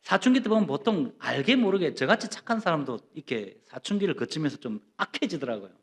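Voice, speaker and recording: A middle-aged man preaching a sermon as pastor, telling homely personal stories in a lively, conversational way. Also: a little high, fast. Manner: animated, with playful personal stories.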